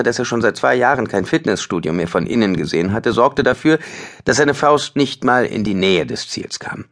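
Lively low-voiced male thriller narrator. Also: gravelly. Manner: tense, dramatic. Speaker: audiobook narrator.

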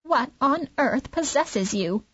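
Woman doing a shrill scolding hen. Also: animated, slow pace, a bit bright, no echo, dull audio, full character voice. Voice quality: high, scolding. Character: bossy, self-important hen.

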